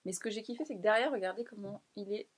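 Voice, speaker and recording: A young woman talks through her clothing haul in a loose, chatty vlog voice. She jumps between excited exclamations and quieter asides, laughing often. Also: medium pitch, very fast, husky. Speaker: fashion vlogger. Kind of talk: casual haul vlog chat.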